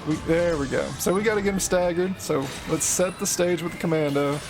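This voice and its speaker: A man's voice: high voice, a little fast. A man giving casual, slangy playthrough commentary as a gaming host, with wry joking reactions. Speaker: gaming video host playing through a game. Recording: commentary over loud game audio. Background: game music and effects.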